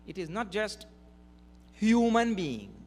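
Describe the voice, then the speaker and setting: A man giving a spiritual discourse at a mission gathering, slow and deliberate, stressing key words. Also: high voice, very animated, a little mellow. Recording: reverberant hall with faint hum.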